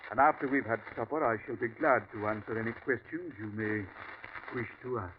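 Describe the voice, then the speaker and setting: The villain of this 1940s radio play is a calm, superior Martian invader pretending to be a ranch host. The male actor speaks fairly quickly at medium pitch in a near-everyday voice, sounding suave, polite, and icily condescending with smooth menace. Faint hiss runs under the tinny old broadcast.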